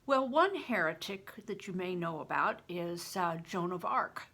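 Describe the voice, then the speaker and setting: Reading a tale aloud, this grandmother talks it through casually and explains as she goes, asking her listeners questions. Her voice is on the low side, bright and forceful, expressive, and delivered at a measured pace.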